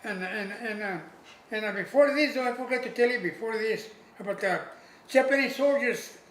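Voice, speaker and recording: An elderly man, a war veteran, recalls his service in an informal interview, haltingly and plainly, repeating himself as he searches for words. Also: high-pitched, a bit bright. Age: elderly, over 80. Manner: halting, repetitive, plain-spoken recollection with searching pauses. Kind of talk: old veteran remembering, informal oral history. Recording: roomy echo, faint background noise.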